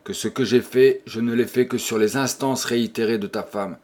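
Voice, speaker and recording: A man's voice: mid-range voice, fairly even intonation, normal speed, darkish tone, natural voice. A man reading an audiobook, voicing an uneasy man who stammers out a defense. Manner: faltering, hesitant. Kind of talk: audiobook character voice.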